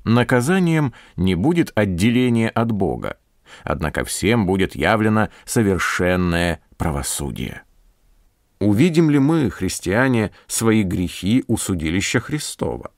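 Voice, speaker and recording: A man reading a scripted radio sermon in a solemn, measured manner with rhetorical questions. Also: lowish voice, big pitch swings, dry recording, clean studio sound. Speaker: preacher.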